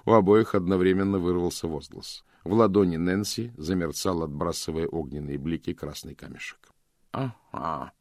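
A man narrating a detective story as an audiobook in an expressive storytelling way. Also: sits low, normal speed, dry recording, studio quality. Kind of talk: audiobook reading.

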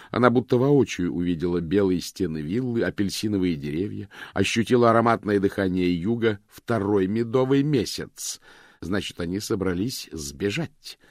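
A man narrating a story in a measured, expressive reading. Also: deep voice, dry recording, studio quality. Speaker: audiobook narrator. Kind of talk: scripted narration.

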